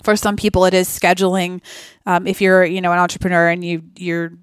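A woman speaking as a podcast guest in a relaxed, earnest conversation, reflective and quick to laugh. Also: on the low side, clear, resonant tone, dry recording, clean studio sound. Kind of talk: conversational interview.

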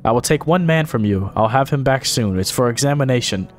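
A man voicing a calm official in a hazmat suit from a game, in a flat procedural tone. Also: mid-range voice, brisk, soft background music, lightly acted.

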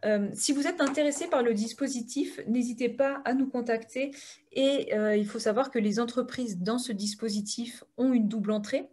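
A woman's voice: on the high side, normal speed, a little mellow. A woman giving an explanatory presentation remotely over a call connection. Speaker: remote conference speaker.

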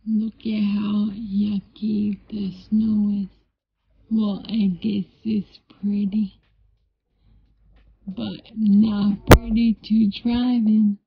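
A woman vlogger chatting casually, soft and partly whispered. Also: medium pitch, level tone, very slow, vocal fry, slightly rough, muffled recording. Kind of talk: casual chat.

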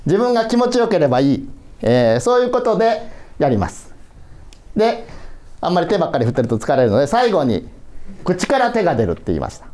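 Middle-aged male workshop leader, playful and coaxing, pitch ranging widely. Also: a little mellow. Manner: playful, coaxing, laughs often. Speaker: workshop instructor. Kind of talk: children's workshop instruction. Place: museum hall, indoors.

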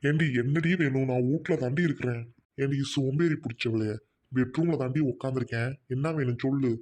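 A man's voice: mid-range voice, darkish tone, natural voice. A man with a central Tamil Nadu accent voicing a lazy, teasing husband in a cartoon. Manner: teasing, fast-talking. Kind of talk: cartoon voice acting.

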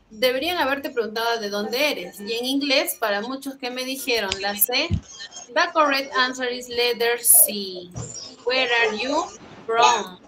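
A young woman teaches an online English class from a small room at home, patiently going through exercises and switching between Spanish and English. Her voice is on the high side, and it comes through her laptop webcam on a video call with a noisy background.

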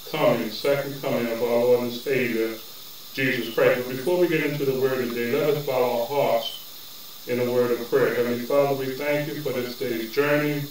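A man preaching a sermon as bishop, building into a fervent cadence with drawn-out words. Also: medium pitch. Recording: echoey distant room with faint noise.

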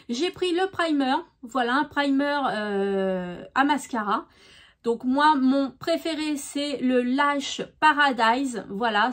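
A middle-aged woman chatting casually about her beauty purchases, enthusiastic, with frequent hesitations. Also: high-pitched. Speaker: beauty vlogger. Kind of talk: casual haul chat to camera.

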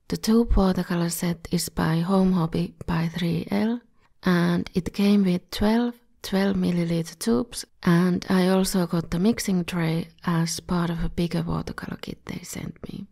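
A slightly under-the-weather woman narrates an art tutorial as its host, following a script in a voice-over recording. Her voice sits on the low side, mellow but gravelly and a touch scratchy from feeling a bit ill.

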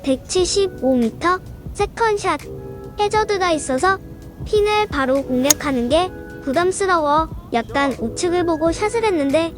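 A woman with a high voice delivers scripted golf commentary in a polite, formal register. She reports the round shot by shot as a voice-over, with music playing faintly behind her. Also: expressive, normal speed. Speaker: narrator of an amateur golf vlog.

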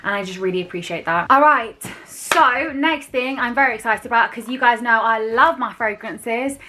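A woman's voice: a little high, normal speed, noisy background. A young woman in her twenties, chatting enthusiastically to camera while unboxing beauty products, with frequent fillers. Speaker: beauty vlogger. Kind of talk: casual haul chat to camera.

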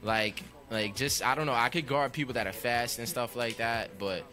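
A man's voice: medium pitch, normal speed, sharp tone. A young man co-hosting a podcast, telling stories in a slangy, laid-back way. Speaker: podcast co-host. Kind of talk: casual chat.

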